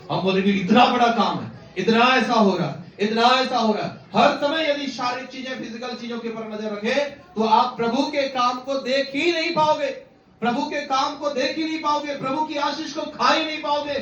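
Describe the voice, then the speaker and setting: A man's voice: very high-pitched, fairly bright tone. A male pastor preaching a fervent sermon, calling out hallelujahs and questioning his congregation. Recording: echoey, distant mic, dull sound.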